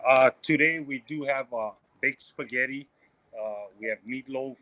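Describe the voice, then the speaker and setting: A man from Maui, a restaurant manager, chatting casually with frequent pauses and fillers. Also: medium pitch, low-quality recording. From Maui, Hawaii. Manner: relaxed, hesitant, many fillers. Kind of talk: casual chat.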